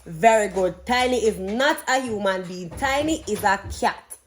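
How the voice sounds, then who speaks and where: This Jamaican-accented woman has an animated, medium-pitched voice and keeps a measured pace. Like a parent vlogging at home, she chats bluntly and reads to the kids, interrupting herself to quiz them and tell them what to do.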